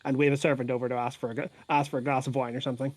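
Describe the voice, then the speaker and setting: Fast-talking, stammering man player. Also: medium pitch, little pitch movement, no echo. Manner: quick, stammering restarts. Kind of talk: casual tabletop role-play.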